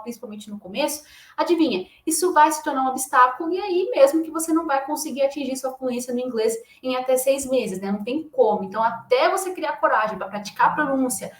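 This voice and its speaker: A woman teacher with a Brazilian Portuguese accent delivers an online lesson, insistent and emphatic, forever tagging her points with a quick question to check the listener is following. Her voice sits a little high. The room around her gives a noticeable echo. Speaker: English teacher.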